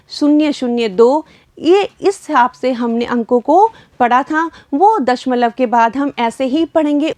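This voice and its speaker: A woman's voice: sits high, a little mellow, dry recording. A woman teacher with a Rajasthani Hindi accent, giving a patient primary school math lesson and speaking to children often. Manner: patient, addresses children repeatedly.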